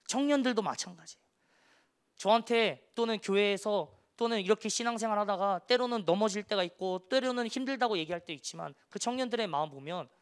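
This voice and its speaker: A young adult youth pastor preaching an impassioned sermon at a church prayer meeting, dropping to near-whispers and then rising to loud, fervent appeals. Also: medium pitch. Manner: swings between hushed near-whispers and loud fervent crying out. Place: church sanctuary.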